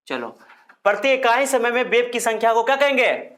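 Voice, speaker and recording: A man's voice: extremely high pitch, big pitch swings, moderate pace, fairly bright tone. A male physics teacher lecturing a classroom, repeating key terms and firing questions at his students.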